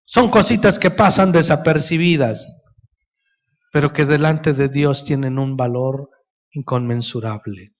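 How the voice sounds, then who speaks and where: Speaking at a measured pace in a slightly high voice, a middle-aged man with a Mexican Spanish accent preaches as a pastor. His sermon weaves in stories and addresses the listeners as brothers.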